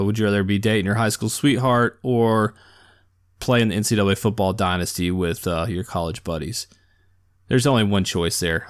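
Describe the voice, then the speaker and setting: Man, 30s, podcast host, casual solo talk, down-to-earth, rambling, smooth low voice. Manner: laid-back, even-keeled, self-described down-to-earth; rambling with many fillers and restarts.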